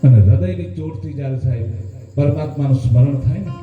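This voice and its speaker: A man preaching a devotional sermon, telling a story and often addressing listeners as "saheb", his voice swinging between hushed and raised lines. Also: fairly high pitch, quick pace, narrow, tinny audio. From Gujarat, India. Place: devotional gathering hall. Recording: echoey hall with faint music.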